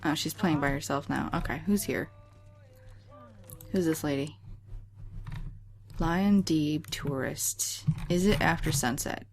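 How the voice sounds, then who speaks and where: A woman with a notably low voice giving casual let's-play commentary. She talks to the game in a sarcastic, chatty way, teasing the characters as she plays. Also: slow, gravelly, pauses often, slight background noise.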